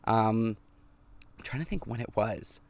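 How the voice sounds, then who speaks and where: A man's voice: lowish voice, measured pace, gravelly, darkish tone. A man in his twenties co-hosting a podcast, chatting candidly and reflectively with lots of "like" fillers. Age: 20s. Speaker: podcast co-host. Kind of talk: casual chat.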